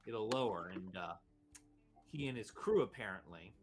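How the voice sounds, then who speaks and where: A man with a fairly low voice narrates a tabletop role-playing game as its game master. He improvises haltingly, often searching for the right word, with faint music underneath. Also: lively intonation.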